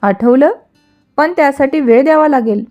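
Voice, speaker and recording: A woman reading a calm, wise doctor. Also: high voice, soft background music, natural voice. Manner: soothing, measured.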